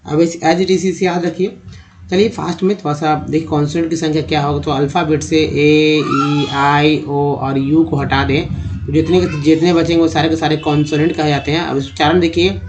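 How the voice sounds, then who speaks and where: Guy teaching english reading in hindi, spells out letters slow then says the word, fairly high voice. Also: little pitch movement, noisy background. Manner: spells words out letter by letter, slowly sounding them out; calls viewers "dosto" in a friendly teaching tone.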